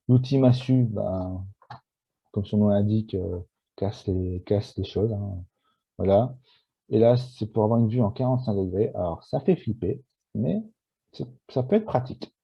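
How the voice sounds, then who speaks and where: A shy, nervous man talking through a video game on screen, with many fillers and restarts. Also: fairly low pitch. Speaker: gameplay video maker. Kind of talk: casual game walkthrough. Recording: dull lo-fi sound.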